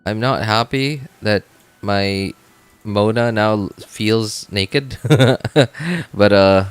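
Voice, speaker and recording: A man with a fairly low, clear, resonant voice draws out his words while chatting casually during a game livestream. He rambles, thinks aloud, and often repeats himself, and the recording is dry.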